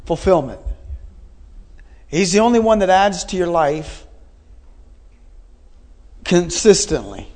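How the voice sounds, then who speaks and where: High-voiced man preaching an earnest sermon. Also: darkish tone. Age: 40s. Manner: earnest, repetitive, asks the listeners questions. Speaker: pastor.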